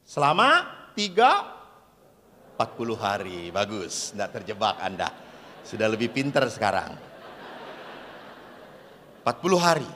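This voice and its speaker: Bright, lively-voiced priest in echoing hall. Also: male voice, fairly low pitch, measured pace, long pauses, a little hiss or hum. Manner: jokey storyteller acting out dialogue. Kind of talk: humorous sermon with storytelling. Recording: reverberant hall.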